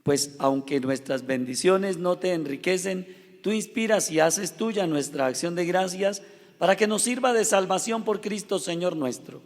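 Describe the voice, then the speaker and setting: A priest leads the Mass prayers in a solemn, measured voice that sits a little high for a man. A cathedral echo trails each phrase, and the sound hangs in the long reverb of a large church. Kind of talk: chanted liturgical prayer at Mass.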